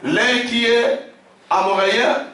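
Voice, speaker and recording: A man from Africa, a bishop preaching a sermon, emphatic, repeating his phrases and shouting key lines. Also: extremely high pitch, steady tone, takes it slowly. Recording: very echoey hall, distant from the mic.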